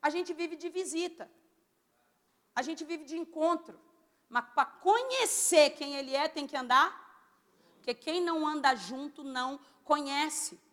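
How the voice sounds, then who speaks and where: A woman preaching a sermon, loud and very expressive. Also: sits high, a little slow, long reverb tail. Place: church.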